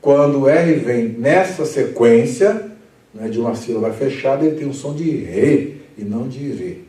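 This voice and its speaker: A man, a pastor leading a Bible study lesson, who explains patiently, reads scripture slowly and with emphasis, and chuckles often. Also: mid-range voice, mellow. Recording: echoey room, mic at a distance.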